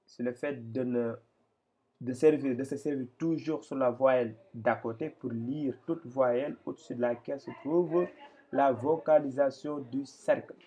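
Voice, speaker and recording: A man giving a slow step-by-step reading lesson, hesitating, repeating phrases and spelling out syllables. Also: mid-range voice, fairly even intonation, dark tone. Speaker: Quran reading teacher. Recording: dull lo-fi sound.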